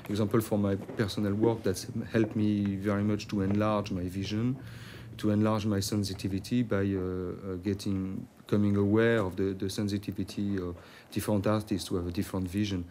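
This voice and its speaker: A man who is not a native English speaker, talking reflectively and haltingly, repeating himself as he searches for words. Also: on the low side, level tone, mellow, a little hiss or hum. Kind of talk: reflective interview talk.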